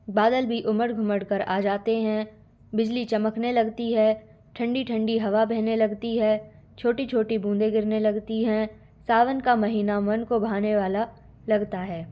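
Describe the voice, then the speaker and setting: A woman's voice: on the high side, little pitch movement, unhurried, muffled recording. A woman teacher steadily reading out a poem explanation and answers for a school lesson.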